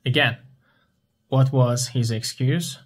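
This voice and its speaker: A man teaches at a very unhurried pace. His voice is husky and mid-pitched. He asks a question, pauses, and then answers it himself in simple words. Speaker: English teacher. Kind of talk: slow question-and-answer language lesson.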